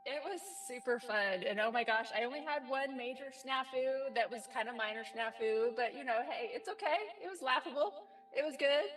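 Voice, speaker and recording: Bubbly woman co-hosting, higher voice. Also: a little fast, a bit bright, far from the mic, soft background music. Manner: giggly, bubbly storyteller. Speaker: stream co-host. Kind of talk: casual live-stream chat.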